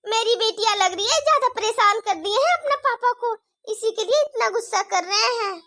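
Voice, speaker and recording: A high, bright older mother-in-law voiced by a woman, fussing and scolding in a chatty way. She frets over her family in a cartoon story. The voice is close and dry. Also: lively intonation, moderate pace, no room sound, heavily acted.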